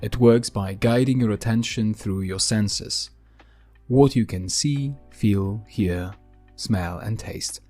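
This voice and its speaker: A man hosting a podcast in a calm, gentle, unhurried way, narrating a scripted grounding exercise with deliberate pauses. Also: lowish voice, soft background music. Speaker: podcast host.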